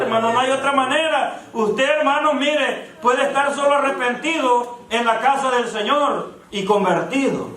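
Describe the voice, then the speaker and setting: A man's voice: very high-pitched, fairly bright tone. A man preaching an evangelical sermon, often calling the congregation brothers and asking rhetorical questions, recorded in a church from a distance. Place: church sanctuary. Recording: echoey church, mic far off.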